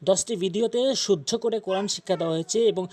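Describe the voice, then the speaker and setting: Man, high voice, Quran lesson, spells out syllables, repeats sounds. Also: a little mellow. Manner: spells out letters and vowel marks slowly, repeats syllables. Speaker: Quran recitation teacher. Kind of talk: step-by-step tajweed lesson.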